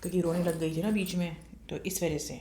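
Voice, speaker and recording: A woman's voice: on the low side, level tone, brisk, mellow. A young woman, a new mother, chatting casually to her viewers while eating on a home mukbang vlog. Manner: chatty, addresses viewers directly. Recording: roomy echo, faint noise.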